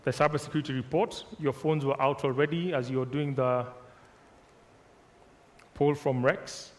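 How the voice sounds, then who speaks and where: A man's voice: medium pitch, fairly even intonation, moderate pace. A man serving as emcee at a live conference, introducing the next session with frequent fillers and restarts. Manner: hesitant, filler-heavy introductions. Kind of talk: live event hosting. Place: large conference hall. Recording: long hall reverb with faint music.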